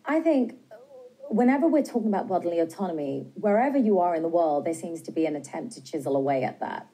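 A woman in her forties with a British accent, a film director, takes interview questions earnestly on a lapel mic in a TV news studio. Her fairly low voice is expressive and warm with a slightly rough texture, though the audio is poor. She sounds measured, hesitating at times.

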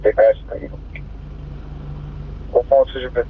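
A Brazilian man reports in as a field officer on police radio. His pitch is average. The two-way link is narrow and tinny, with some light noise. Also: big pitch swings, measured pace. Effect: two-way radio transmission.

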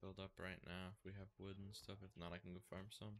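A man's voice: low-pitched, monotone, quick pace. A man hosting a gaming video, chatting casually and laughing often as he plays. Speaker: gaming channel host. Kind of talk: casual game commentary and voice chat. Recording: loud background noise with clicks.

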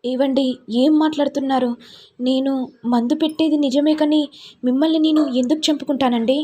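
A woman's voice: sits high, fairly even intonation, fairly quick, dark tone, natural voice. A woman voicing a meek young wife in a told family drama, speaking in a pleading, apologetic way. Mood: sorrowful.

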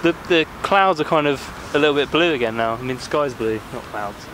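A man's voice: medium pitch, brisk, fairly bright tone. A man chatting jokily on a casual vlog while walking through a park with a handheld camera. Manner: jokey, playful rambling. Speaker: vlogger. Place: outdoors in an urban park. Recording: noisy outdoor street recording. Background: traffic and city ambience.

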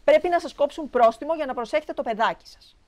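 A woman's voice: mid-range voice, animated, a bit bright, lightly acted. Woman reading as a haughty dog owner. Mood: indignant.

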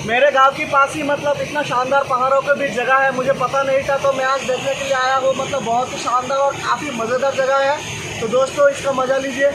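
In a very high-pitched voice with little pitch movement, a young vlogger casually talks to his viewers outdoors, repeating "दोस्तों" and "मतलब". The phone, held at arm's length near a forest stream and picnic shelter, captures a noisy recording with rushing water behind him.

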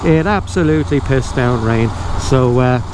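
A man's voice: mid-range voice, moderate pace. A man with an Irish accent chatting casually and wryly as a motorcycle vlogger while riding, talking in a rambling way. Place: outdoors riding a motorbike in rain. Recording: steady road, engine and traffic noise.

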